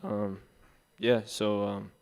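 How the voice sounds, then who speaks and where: Low, flat, smooth young male rapper. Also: slow. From United States. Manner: laid-back, many fillers. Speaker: hip-hop artist. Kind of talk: casual self-introduction.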